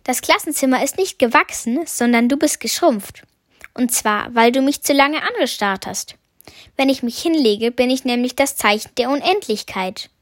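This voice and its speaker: A woman's voice: sits high, animated, normal speed, no echo, clean studio sound. A woman voicing a giggly talking number eight. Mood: amused. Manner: giggly, welcoming.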